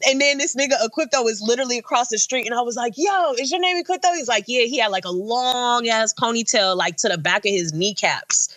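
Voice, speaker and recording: A woman rapper talking as a guest, telling animated stories in loose slang and swearing freely. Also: on the high side, fairly quick, hardly any pauses. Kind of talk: casual storytelling chat.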